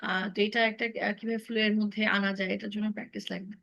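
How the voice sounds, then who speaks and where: A woman's voice: medium pitch, flat delivery, rapid-fire, gravelly, fairly bright tone, lo-fi sound. A woman teacher giving direct, corrective feedback on a student's English speaking in an online class.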